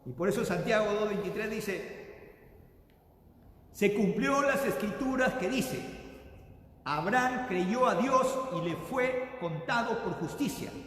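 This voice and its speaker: Echoing high-voiced preacher in a hall. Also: male voice. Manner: preaching with sudden loud bursts and hushed drops; repeatedly addresses the congregation as brothers. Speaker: pastor. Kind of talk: sermon. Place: church sanctuary. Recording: very echoey hall with long reverb.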